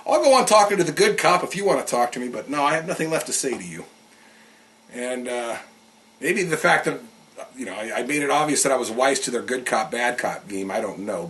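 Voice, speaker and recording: A man's voice: medium pitch, a bit bright. A man telling a personal account to the camera inside his house, in a plain, earnest way with many fillers. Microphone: camera set up in the room.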